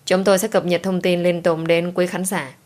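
A woman reading an audiobook voices a formal TV news anchor who announces in a steady tone. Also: fairly low pitch, brisk, close to an everyday voice.

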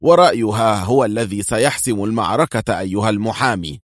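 Rough male henchman done by a man, low voice, curt, cold, dry sound. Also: a little fast, dry recording, natural voice. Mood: gruff.

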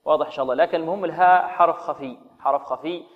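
A man teaching Quran recitation rules, explaining slowly, asking rhetorical questions and modeling recited examples. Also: a little high, long reverb tail, narrow, tinny audio. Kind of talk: tajweed lesson with recited examples.

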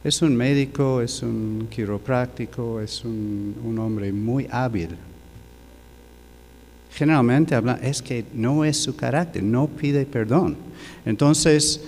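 An older man giving a sermon, telling a personal story in a slow, halting way with many fillers. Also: mid-range voice, a little mellow, big-room sound, slight background noise. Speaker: preacher. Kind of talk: sermon testimony.

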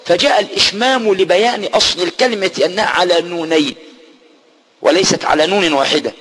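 A man with an Egyptian accent leads a religious lesson on recitation. His voice sits fairly high for a man, and he explains step by step with patience. When he reaches a verse he slows down and chants it. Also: a crowd in the background. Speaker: Quran teacher.

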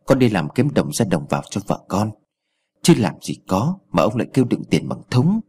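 A man's voice: lowish voice, very animated, normal speed, mellow, breathy edge, exaggerated voice. A man playing a weary, defiant village husband. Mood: strained. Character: worn-down, hard-pressed young village husband.

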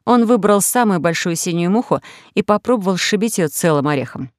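A reader narrating a children's storybook with even, expressive reading. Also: mid-range voice, a little fast, dry recording, clean studio sound. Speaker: audiobook reader.

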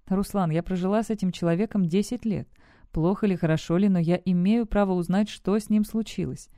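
A woman's voice: mid-range voice, brisk, warm tone, no room sound, clean studio sound, natural voice. Lora, an indignant young widow, read by a woman. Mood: demanding. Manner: demanding and pleading.

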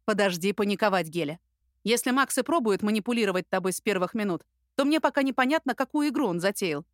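A woman voicing a calm, wry male best friend. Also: medium pitch, fast talker, no room sound, studio quality, lightly acted. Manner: steady, reassuring, wry.

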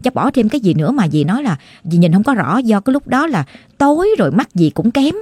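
A woman's voice: mid-range voice, big pitch swings, fast, mellow, husky, no echo. A woman with a Southern Vietnamese accent narrating a ghost story in a chatty, colloquial, exclamatory way.

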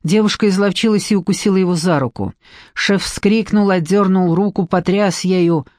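A woman narrating a crime novel audiobook in a measured, expressive way. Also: mid-range voice, no echo, studio quality. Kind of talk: scripted narration.

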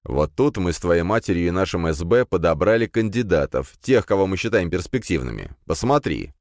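A man voicing a calm, kindly middle-aged noble father who speaks reassuringly, in an audiobook. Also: deep voice, fairly quick, dry recording, studio quality.

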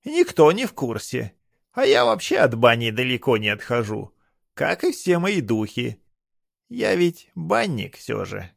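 A man voicing a fat, cackling male bathhouse spirit with a high, teasing, wheedling voice. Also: wildly swooping pitch, unhurried, vocal fry, dry recording, clean studio sound, full character voice. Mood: hushed.

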